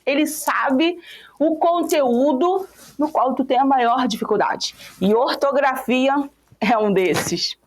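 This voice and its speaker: High-voiced lively Brazilian woman teacher. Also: slow pace. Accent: Brazilian Portuguese. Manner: lively, playful, teasing students by name. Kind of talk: online exam-prep class.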